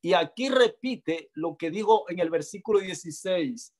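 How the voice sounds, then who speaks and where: A man preaching a sermon and reading scripture aloud, with slow delivery and dramatic pauses that swing between loud and soft. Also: sits high, animated.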